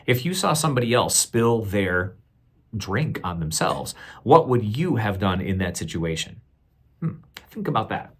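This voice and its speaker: A fairly low-pitched voice with a breathy edge belongs to a man reading a picture book to children. He reads like a teacher, deliberate and expressive, breaking off to ask the little listeners questions.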